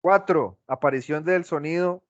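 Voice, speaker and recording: A man's voice: on the high side, moderate pace, dry recording. A male teacher giving a class lecture, asking the class questions and repeating his examples, on a dull lo-fi recording.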